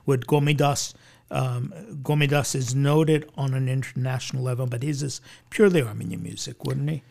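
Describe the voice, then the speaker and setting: A man's voice: mid-range voice, steady tone, normal speed, vocal fry, darkish tone. A man hosting an interview, asking courteous questions with some fillers and repeated words. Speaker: radio show host, interviewer.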